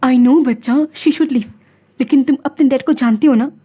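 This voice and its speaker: A woman's voice: high voice, a little slow, warm tone, slightly rough. A woman voicing a haughty, scornful middle-aged mother in a storybook. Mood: scheming. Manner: cold, scornful.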